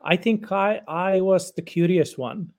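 A guest lecturer around fifty, a Swedish-speaking Finn, responds to interview questions thoughtfully and haltingly, restarting often. His voice is high-pitched, gravelly and a little mellow.

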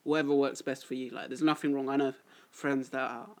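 A man's voice: mid-range voice, flat delivery, fairly quick, darkish tone. A young man, steering a casual discussion as podcast co-host. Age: young adult.

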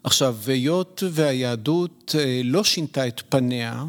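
A middle-aged man, a podcast guest, explaining his views in a measured, lecturing way, often pausing to find the right word. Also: medium pitch. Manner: measured, lecturing, pauses to search for words. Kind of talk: reflective conversational explanation.

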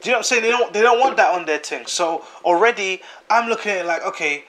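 A man talks in a high, light voice. He is animated and slangy, and he repeats phrases for emphasis in a casual podcast chat. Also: fast talker.

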